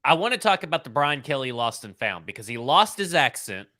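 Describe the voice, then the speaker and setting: A man's voice: mid-range voice, sing-song, fairly quick, sharp tone, no echo. A man co-hosting a casual sports talk show, needling his partner with skeptical questions. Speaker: sports podcast co-host.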